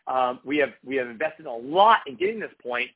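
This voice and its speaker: A man's voice: medium pitch, very animated, brisk. A middle-aged man giving a motivational business talk as a company executive, with polished, upbeat corporate enthusiasm and emphatic delivery. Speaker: company executive addressing distributors. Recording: thin, muffled telephone line.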